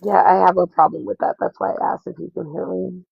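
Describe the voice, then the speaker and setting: A woman calling in to a live show, hesitant, her voice muffled so that only the low end comes through on a Bluetooth call. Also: little pitch movement, quick pace, creaky, husky. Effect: muffled bass-only sound over a Bluetooth call. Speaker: caller.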